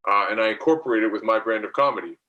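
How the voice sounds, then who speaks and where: A man in his thirties from Canada, a comedian guesting on a podcast, relaxed and laid-back and quick to laugh. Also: on the low side, muffled recording. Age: 30s. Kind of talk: casual podcast chat.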